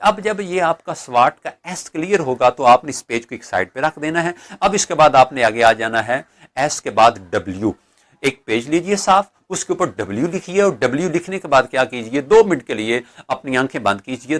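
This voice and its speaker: A middle-aged man, giving an instructional lecture as a motivational speaker. He asks rhetorical questions and answers them step by step. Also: medium pitch.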